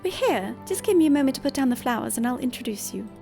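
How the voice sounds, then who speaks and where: A woman's voice: high-pitched, big pitch swings, quick pace, gravelly, mellow, faint music behind, pitched above the performer's own voice, heavily acted. A woman voicing a sweet, trusting young village girl from a video game, childlike and earnest. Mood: eager. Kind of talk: reading video game dialogue.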